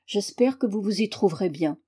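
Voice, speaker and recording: A woman reading aloud as a kindly older father, speaking softly and paternally. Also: mid-range voice, lively intonation, moderate pace, slightly rough. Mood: gentle.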